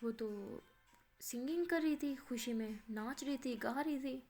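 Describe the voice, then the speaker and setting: A woman's voice: sits high, measured pace, a little mellow, soft background music. A woman voicing a sarcastic young female friend who scolds the heroine in a spoken love story.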